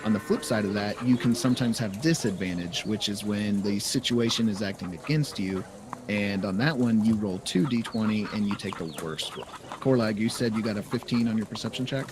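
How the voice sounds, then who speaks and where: A man's voice: fairly low pitch, a little fast. A man as dungeon master, improvising the story and explaining rules in a loose, casual way, over a noisy recording. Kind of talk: improvised tabletop game narration. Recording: noisy home podcast recording.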